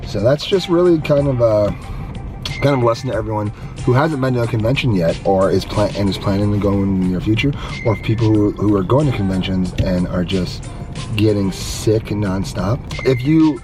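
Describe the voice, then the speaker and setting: A man vlogging casually in a car, his sick, worn-out voice a hoarse smoker's rasp, chatting in a laid-back, rambling, slangy way. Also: fairly low pitch, normal speed, over music. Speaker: video blogger. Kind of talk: casual vlog chat to camera. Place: inside a car.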